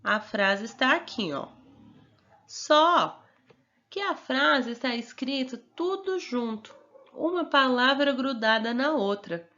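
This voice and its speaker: A woman's voice: high-pitched, animated, slow pace, pushed and bright, dull audio. A woman teacher with a Brazilian Portuguese accent, giving a recorded lesson to young children and patiently sounding out words syllable by syllable.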